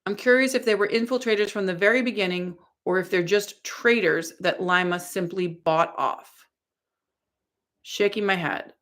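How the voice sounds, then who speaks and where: With a lowish, slightly bright voice, a live streamer in her forties chats casually, reading messages from her chat aloud. Her delivery wanders, full of filler words and false starts.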